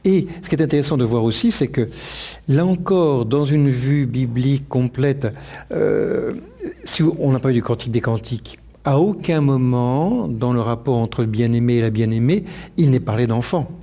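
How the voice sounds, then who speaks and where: A man's voice: mid-range voice, normal speed, mellow. A man speaking on an academic panel, answering questions reflectively and thinking aloud with restarts.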